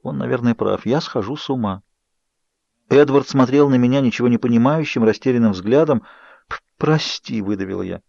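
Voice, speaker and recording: A man reading an audiobook as scripted narration, expressive and measured. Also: medium pitch, gravelly, dry recording. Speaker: audiobook reader. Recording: dull, dry studio audio.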